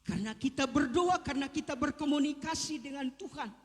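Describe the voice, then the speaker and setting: A man's voice: extremely high pitch, brisk. A male pastor preaches a sermon in a church. His delivery is emphatic and he keeps repeating key words. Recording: long church reverb.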